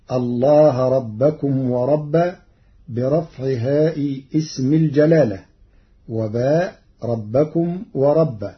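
A man teaching Quran recitation rules, explaining each point slowly and reciting short examples. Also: medium pitch. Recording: dull lo-fi recording.

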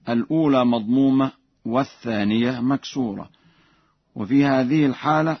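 A man teaches Quran recitation, offering measured explanations and then chanting the examples slowly and melodically. His mid-range voice is gravelly and slightly rough, and the recording is muffled with no echo.

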